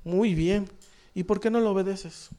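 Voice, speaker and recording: A high-pitched male pastor delivers a sermon. He is emphatic, repeats key phrases and puts questions to the congregation. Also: a little slow, dark tone.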